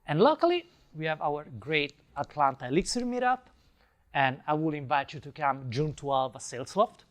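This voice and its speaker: An Italian man with an Italian accent and a slightly high, animated voice speaks at normal speed. He's a conference speaker giving an enthusiastic tech talk and fielding audience questions, full of fillers and restarts.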